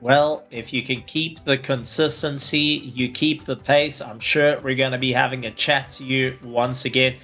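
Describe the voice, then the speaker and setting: A man interviewing drivers on a sim racing broadcast, asking questions in an upbeat, lively manner. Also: mid-range voice, moderate pace, few pauses, soft background music.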